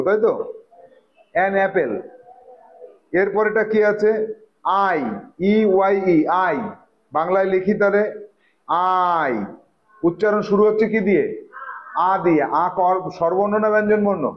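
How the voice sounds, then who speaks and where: A man's voice: high voice, normal speed, long pauses. A man teaching an online English grammar lesson in Bengali, who asks pupils questions and has them repeat words after him. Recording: dull lo-fi sound.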